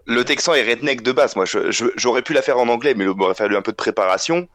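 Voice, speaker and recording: A man's voice: medium pitch, animated, fast, a bit bright. A man co-hosting a casual podcast, joking around with the others. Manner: playful, joking. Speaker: co-host.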